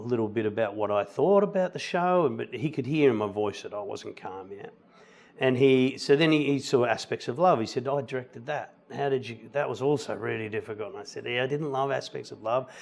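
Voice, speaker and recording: A middle-aged man talks as a guest in a relaxed interview. He tells anecdotes in an easy, conversational way, slipping into little voices for the people he quotes. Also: mid-range voice, brisk, creaky. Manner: animated storyteller, acts out quoted lines. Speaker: musical theatre actor, guest. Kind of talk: casual interview chat, telling anecdotes.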